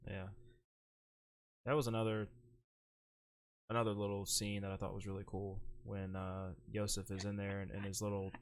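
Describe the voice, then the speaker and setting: A man with a somewhat low voice co-hosts a casual podcast. He rambles through movie scenes, leaning on fillers as he goes. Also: little pitch movement, moderate pace, long pauses. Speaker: podcast co-host. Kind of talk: casual chat about movies.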